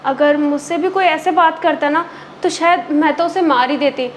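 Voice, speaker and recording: A haughty young rich wife who scolds her driver with mocking contempt, played by a woman. Her voice is very high and shrill, with a faint hiss behind it. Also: brisk, a bit bright. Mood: remorseful. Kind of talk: amateur web drama acting.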